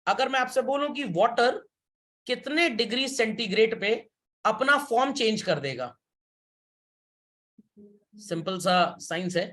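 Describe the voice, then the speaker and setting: A man's voice: high voice, a bit bright. A male teacher giving a classroom lecture who repeats key points and keeps checking that students follow.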